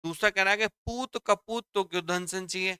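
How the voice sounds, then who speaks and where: Bright, crisp male Hindi teacher. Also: sits high, moderate pace, no echo, studio quality. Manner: explains step by step, repeats lines, addresses students as dear children. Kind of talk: exam-prep grammar lesson.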